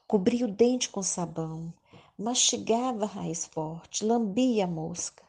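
A woman's voice: mid-range voice, slow pace, gravelly, a little mellow, slightly rough. A Brazilian woman narrating a children's story expressively, in the manner of a kids show host.

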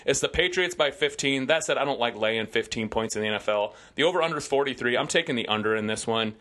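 Midwestern guy on a sports podcast mic, bright clear voice, chatty and sure of his picks. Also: mid-range voice, fast talker. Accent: Midwestern American. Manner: confident, chatty betting analysis. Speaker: podcast co-host giving football picks. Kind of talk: casual sports podcast banter. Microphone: studio podcast microphone.

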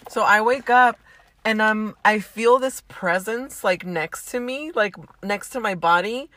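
A woman's voice: mid-range voice, unhurried, fairly bright tone, no echo. A young woman co-hosting a podcast, telling stories casually with fillers and laughter. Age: young adult. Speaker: podcast co-host. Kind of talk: casual chat.

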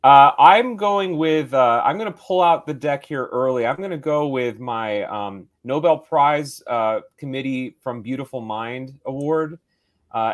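A man co-hosting a casual movie podcast, talking enthusiastically with lots of fillers. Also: on the high side. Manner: enthusiastic, rambling with many fillers. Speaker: podcast co-host.

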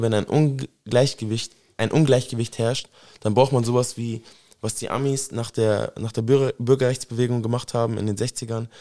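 Young guy rambling on his podcast, slangy, lots of "weißt du", mid pitch. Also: darkish tone. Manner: slangy, fills with "weißt du" and "Digga". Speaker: podcast host. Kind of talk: casual opinion chat.

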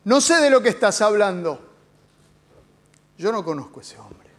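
A man's voice: high-pitched, sing-song, normal speed, fairly bright tone, long reverb tail. A man with an Argentine accent voicing the impulsive apostle Peter, who protests vehemently and insistently. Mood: denying. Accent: Argentine Spanish.

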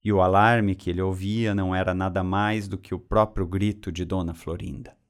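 A man reading a story aloud in a steady, even way. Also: low voice, normal speed. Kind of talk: reading fan fiction aloud.

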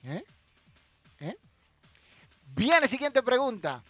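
A high-pitched man runs a trivia stream. He talks in a lively, swooping way and teases viewers as he reads their answers. Faint music plays behind him. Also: very slow, dry recording. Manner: animated, teasing, answers chat directly. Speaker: livestream host running a wrestling trivia quiz. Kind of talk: casual live chat reading viewer comments.

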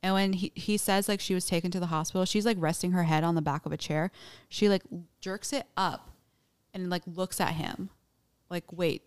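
A woman's voice: fairly low pitch, steady tone, moderate pace, clear, resonant tone. A woman hosting a podcast, chatting casually through a true crime story with lots of "like" and "um". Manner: chatty, many "like"s and "um"s, laughs easily. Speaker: podcast host. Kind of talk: casual chat, retelling a true crime case.

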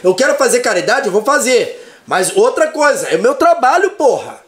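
A man who teaches, a guest in a casual live chat, telling stories in an animated way and swearing often. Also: very high-pitched, normal speed.

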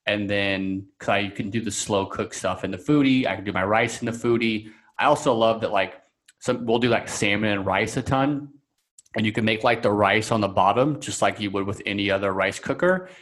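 A man speaking as a podcast guest in a relaxed, rambling way, full of fillers and self-corrections. His voice sits on the low side. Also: normal speed. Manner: rambling, chatty, many fillers and restarts. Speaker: coaching client guest. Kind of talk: casual podcast conversation.

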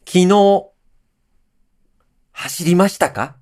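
A man's voice: sits high, very slow, a little mellow. A man hosting a casual morning talk show, asking playful teasing questions. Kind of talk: casual chat.

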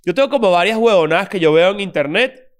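A Venezuelan man co-hosting a podcast, telling a story in lively, slang-filled casual chat. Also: high-pitched, quick pace. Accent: Venezuelan Spanish. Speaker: podcast co-host.

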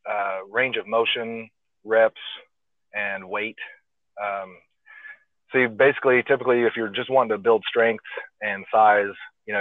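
A man, an arm wrestler, explaining his training in a relaxed way with lots of fillers, speaking over a phone call. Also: on the low side, no room sound. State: slightly out of breath. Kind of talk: casual interview over phone. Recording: tinny phone line, dry.

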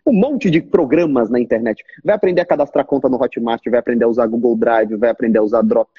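A Brazilian man who runs an online course, talking to his subscribers on a live stream in a lively, direct way. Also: medium pitch, fast, slightly rough, muffled recording. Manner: animated, talks straight at viewers, mimics complaining students.

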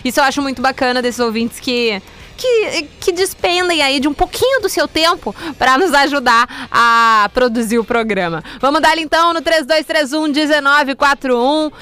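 A woman with a Rio Grande do Sul accent hosting a lively FM call-in show, chatty and affectionate with callers. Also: high-pitched, normal speed. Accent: Rio Grande do Sul Brazilian Portuguese. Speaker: radio host.

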